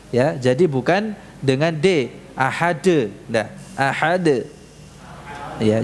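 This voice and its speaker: A man teaching correct Quran letter pronunciation in a mosque, speaking slowly and patiently and leading the class in repeating sounds. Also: on the high side. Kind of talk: tajwid lesson in a mosque. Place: mosque prayer hall. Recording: reverberant hall, faint room noise.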